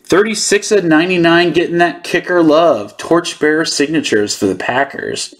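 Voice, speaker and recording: A man's voice: fairly high pitch, moderate pace. A man hosting a sports card channel, giving casual, informal unboxing commentary as he thinks aloud.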